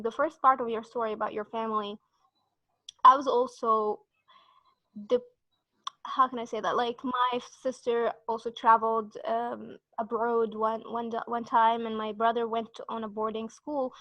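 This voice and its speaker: A woman's voice: a little high, flat delivery, sharp tone, dry recording, lo-fi sound. A woman hosting an online meeting, chatty and giggly, speaking English as a learned language. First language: not English. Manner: chatty and giggly, quick restarts. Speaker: meeting host. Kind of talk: casual online meeting chat.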